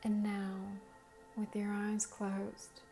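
A woman guiding a hypnosis relaxation in a slow, soothing, measured hypnotist manner, with long pauses and a soft voice that turns breathy at phrase ends. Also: medium pitch, monotone, soft background music. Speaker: guided hypnosis and meditation host.

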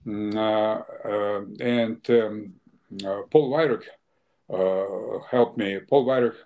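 With a darkish voice on the low side, a hesitant older man gives interview answers as a guest. Born in Ukraine, he came from Russia, and his speech is marked by many fillers and restarts.

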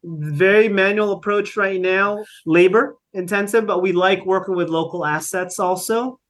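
A middle-aged company founder from the Philippines describes his work as a guest in a conversational interview, with many fillers and restarts. His voice is high, a bit bright, at a moderate pace.

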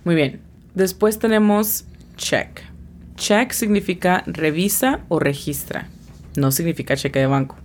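A woman's voice: on the low side, a little slow, darkish tone, slight background noise. A woman teaching an English lesson who patiently spells out each word's pronunciation letter by letter. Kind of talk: scripted language lesson.

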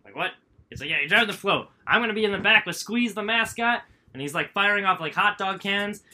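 A man, co-hosting a casual sports podcast and telling animated stories full of shouted quotes. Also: sits high, brisk. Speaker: podcast co-host.

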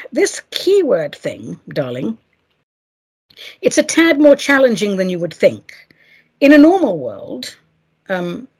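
A woman's voice: mid-range voice, vocal fry, darkish tone, slightly rough. A middle-aged woman hosting a solo podcast, reading listener mail with playful, theatrical asides. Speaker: podcast host.

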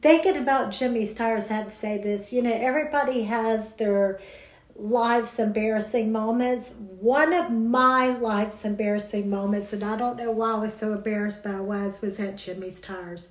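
A woman's voice: on the high side, steady tone, normal speed. A woman co-hosting a podcast, chatting casually and telling stories with frequent laughter. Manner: chatty storyteller, laughs often. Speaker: podcast co-host. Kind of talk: casual chat. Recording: roomy echo.

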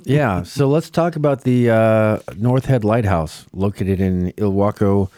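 A man's voice: fairly low pitch, a little slow, dark tone, no room sound, studio quality. A man from Oregon hosting a casual group podcast, joking and teasing his friends. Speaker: podcast host.

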